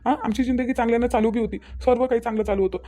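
A man's voice: very high-pitched, steady tone, racing, mellow. A man with a Vidarbha Marathi accent voicing a guilty young cartoon husband who pleads and apologizes, repeating himself. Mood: confessing. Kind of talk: cartoon dialogue acting.

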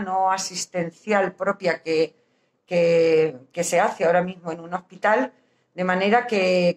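A woman with a Castilian Spanish accent and a mid-pitched voice speaks through a face mask, which slightly muffles her words. She gives an informal explanation as a social worker, pausing to find her words. She is recorded at arm's length in a small office. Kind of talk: informal explanatory talk to camera. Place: small indoor hospital office.

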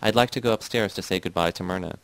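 A man's voice: low voice, fast talker, a bit bright, no echo. A man reading a blunt, fiery young woman.

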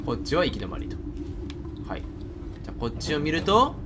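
A man's voice: fairly high pitch, wildly swooping pitch, a little fast, background noise. A man with a Kansai Japanese accent giving jumpy let's-play commentary, talking to the game character and breaking into outbursts. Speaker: gamer. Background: game music.

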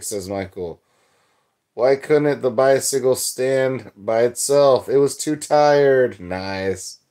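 Slow, rambling young man chatting. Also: medium pitch, mellow. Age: young adult. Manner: rambling, loose, filler-heavy chat. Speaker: livestream host. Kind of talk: casual chat reading live comments.

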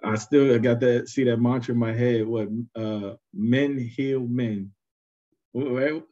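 A man's voice: medium pitch, fairly even intonation, measured pace, mellow. An American man chatting casually on a video call with dull audio. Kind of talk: casual chat.

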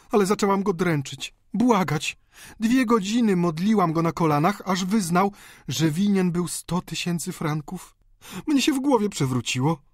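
A man's voice: sits high, no echo, pitched above the performer's own voice. A tearful young countess pours out her confession in a raised, swooping voice, as a male audiobook reader puts her on. Her pleading comes in emotional bursts. The sound is close and dry. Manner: pleading, breathless emotional outbursts. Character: distraught young noble countess, desperate, tearful. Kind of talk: audiobook character reading.

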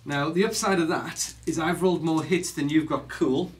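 A man's voice: on the high side, normal speed, distant mic. A man playing a tabletop miniatures game, patiently explaining the rules in casual chat and laughing often.

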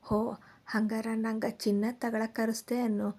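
A woman voicing a generous, sharp-tongued old mother who teases and gives orders. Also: fairly high pitch, level tone, unhurried. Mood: teasing.

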